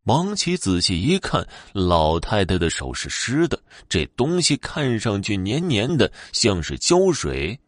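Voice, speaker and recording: A man narrating a ghost story with an expressive, dramatic delivery. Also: lowish voice, unhurried, few pauses, no echo, studio quality.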